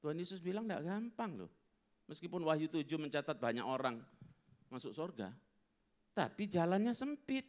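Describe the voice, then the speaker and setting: A male pastor preaching a sermon at a church service, animated, acting out scenes and asking the congregation questions. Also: fairly high pitch, moderate pace, long pauses.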